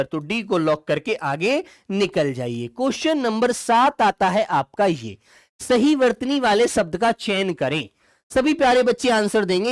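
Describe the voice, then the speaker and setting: In a live online exam-prep class, a Hindi teacher addresses his students fondly as dear children and responds to their comments along the way. His voice is high, and the recording is dry with studio quality.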